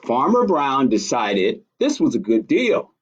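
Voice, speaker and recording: A man reading a children's story aloud as a storytime host, playful and deliberate in his delivery. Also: medium pitch, huge pitch swings, husky. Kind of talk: expressive children's picture-book storytelling. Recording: dull lo-fi stream audio.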